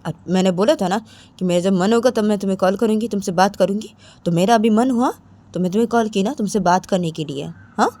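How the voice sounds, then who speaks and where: Woman doing a calm girlfriend, even tone, explaining herself. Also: mid-range voice, fast talker, natural voice.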